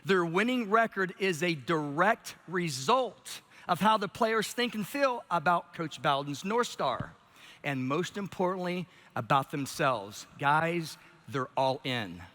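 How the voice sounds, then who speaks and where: A man's voice: on the high side, lively intonation, slow pace, pushed and bright, big-room sound. A man giving a passionate motivational speech from a stage. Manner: passionate, emphatic delivery. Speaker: keynote speaker.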